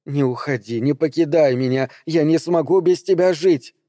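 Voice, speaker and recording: A man's voice: medium pitch, normal speed, warm tone, no echo, studio quality, close to an everyday voice. A man voicing a scheming, seductive woman who pleads, coaxes and wheedles in an audiobook reading. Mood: tearful pleading. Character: seductive scheming woman, ageless former ruler of the house.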